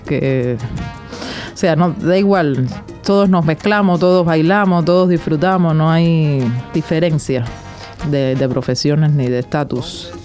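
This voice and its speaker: A woman's voice: low-pitched, steady tone, measured pace, darkish tone, faint music behind. A woman with a Cuban accent, chatting casually in an interview and explaining things with lots of fillers. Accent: Cuban Spanish. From Cuba. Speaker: band member and guest.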